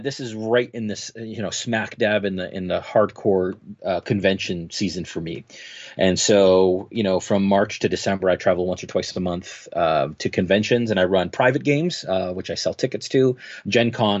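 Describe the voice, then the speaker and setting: A man's voice: deep voice, normal speed, dull audio. A man talking casually as an interview guest, a game master who rambles with lots of fillers and restarts.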